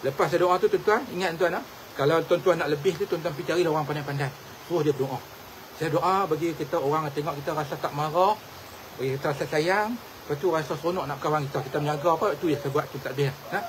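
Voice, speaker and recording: A man's voice: a little high, fast talker, slight background noise, rough recording. A middle-aged man, telling folk stories in a casual, repetitive way and often addressing his listeners directly. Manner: repetitive, animated storyteller addressing listeners as tuan-tuan. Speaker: religious teacher and traditional healer. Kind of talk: casual storytelling to viewers.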